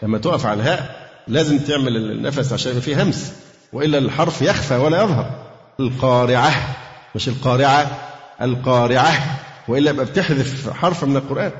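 A man with an Egyptian Arabic accent teaching a Quran lesson, explaining slowly, quizzing his students and chanting verses. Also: medium pitch. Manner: slow deliberate explanation, quizzing students, recites verses melodically. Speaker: sheikh teaching Quran exegesis. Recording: dull, echoey lecture hall.

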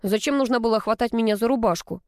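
A woman voicing a calm, deadpan young male skating instructor with a mildly mocking manner. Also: fairly high pitch, fast talker, clean tone, no room sound, clean studio sound, lightly acted. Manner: cool, unflappable, mildly mocking.

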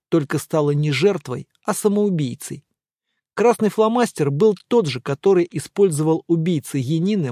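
Мужчина-чтец аудиокниги, довольно высокий голос, размеренное чтение. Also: male voice, a little high, darkish tone, no echo, studio quality. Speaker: audiobook narrator. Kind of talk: scripted narration.

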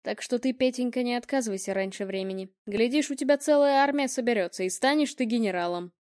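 A woman's voice: on the high side, fast, a little mellow, no room sound, clean studio sound, lightly acted. A woman voicing an elderly male investigator, wry and fatherly in tone. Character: old male retired investigator, wry and kind.

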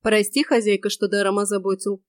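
A woman voicing an earnest warrior hero who speaks in a gruff, solemn, old-fashioned way. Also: medium pitch, flat delivery, brisk, no room sound, clean studio sound, lightly acted.

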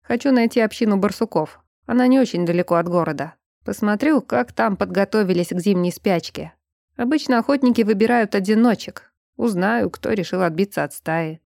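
A woman voicing a gruff, blunt bear-shifter man who grumbles curtly, in an audiobook. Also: medium pitch, a little fast, darkish tone, no room sound, clean studio sound, close to an everyday voice. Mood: matter-of-fact. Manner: curt, grumbling.

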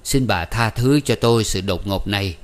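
A courteous, suave undertaker, as the narrator plays him, low and deferential in an everyday voice. He speaks with careful formal politeness in a storybook reading. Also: moderate pace, lightly acted.

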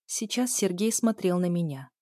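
A woman narrating a novel in the first person, in a calm, even reading voice on a close mic. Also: on the low side, moderate pace, no room sound. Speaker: audiobook narrator.

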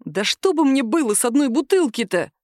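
A woman voicing a sullen, gruff working-class husband in an audiobook. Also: mid-range voice, brisk, no room sound, studio quality, lightly acted.

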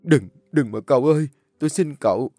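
A man's voice: medium pitch, animated, fairly quick, a little mellow, no room sound, faint music behind. A man voicing a terrified middle-aged father who begs desperately for mercy. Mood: desperate begging. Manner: pleading, desperate.

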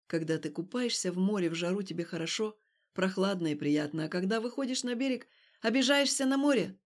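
A woman reading an audiobook, voicing a cold, manipulative young man who speaks flatly and breaks into shouting. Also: mid-range voice, fairly quick, voice pushed down, close to an everyday voice. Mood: cold, detached. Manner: flat and detached, then shouting.

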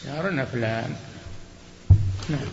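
A man's voice: mid-range voice, unhurried. A man acting as a sheikh, answering religious questions with short, firm rulings in a question-and-answer lecture. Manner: short, firm rulings, often closing with "na'am". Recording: roomy, dull old hall recording with faint hiss.

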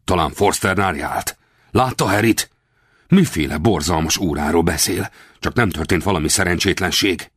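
A man voicing an excitable, commanding middle-aged frontiersman who fires off urgent, demanding questions. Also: extremely low pitch, dry recording, studio quality.

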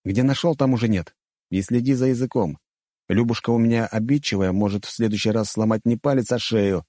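A man's voice: on the low side, a little fast, mellow, dry recording, studio quality, voice pushed up, close to an everyday voice. A man voicing a confident, teasing young male mage in an audiobook, smug and wry.

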